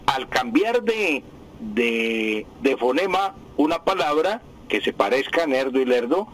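Husky-voiced Colombian radio teacher. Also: male voice, medium pitch, low-quality recording. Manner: slow, repetitive explaining with many fillers. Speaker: radio language teacher answering listeners. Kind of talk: explanatory radio talk.

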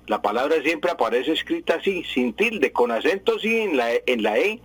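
A man's voice: fairly high pitch, sing-song, moderate pace, fairly bright tone, breathy edge, no room sound, low-quality recording. A man explaining correct word usage on a radio show, patient and repetitive, often correcting himself. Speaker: language expert on a radio news show. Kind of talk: radio language advice segment.

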